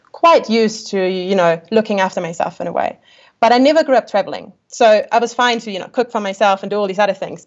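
Her voice is medium-pitched, and the highs are cut off. As a podcast guest, this Austrian travel photographer in her 20s, accent tinged with New Zealand, keeps the interview chat casual, laughing a lot and restarting sentences.

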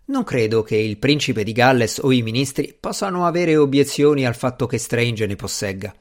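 A languid, aloof gentleman, read by a man in an audiobook, sounding bored and dismissive. The voice sits at a middle pitch and stays close to the reader's own. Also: animated, moderate pace, natural voice. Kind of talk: audiobook character reading.

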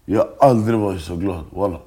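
A man's voice: low voice, warm tone, husky. Slangy man telling his story. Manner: street slang, swears often, halting restarts. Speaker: guest. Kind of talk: casual interview storytelling.

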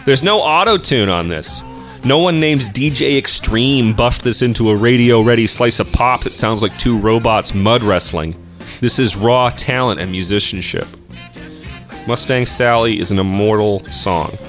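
A man's voice: mid-range voice, normal speed, fairly bright tone. A man co-hosting a music debate podcast, reading prepared arguments with a dry, sardonic wit. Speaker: podcast co-host.

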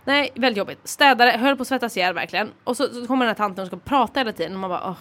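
Woman, podcast co-host, casual chat, lively storyteller, mimics voices, fairly high voice. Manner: animated storytelling, acting out the voices of others.

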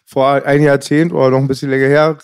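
A man's voice: medium pitch, level tone, fast, clear, resonant tone. Joking man telling an anecdote. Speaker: podcast co-host. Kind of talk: casual podcast chat.

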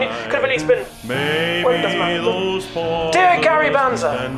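An actor playing an irate, swearing stage hypnotist, leaving an angry message over a landline phone. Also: male voice, extremely high pitch. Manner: swearing, demanding, repeating himself. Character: irate middle-aged male stage hypnotist, ranting. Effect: voice heard over a landline phone as an answerphone message. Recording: echoey, with loud music behind.

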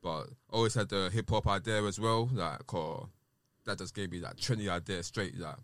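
A man with a deep voice and a South London roadman accent talks as a guest in a casual interview. His speech is informal and loosely rambling, full of street slang. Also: steady tone, moderate pace, fairly bright tone, no echo. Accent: South London, urban roadman. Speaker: podcast guest, rapper and producer.

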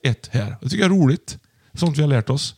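A man with an even, middle-pitched voice, co-hosting a casual chat. He explains things patiently and keeps steering the talk back on track. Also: breathy edge, dry recording. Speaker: podcast co-host.

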